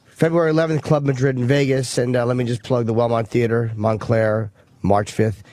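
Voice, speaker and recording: Brief: male comedian, dry wit, medium pitch, close dry sound. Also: level tone, a little mellow, no echo. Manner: dry joking, quick plugs. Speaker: comedian, show regular. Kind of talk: casual radio banter.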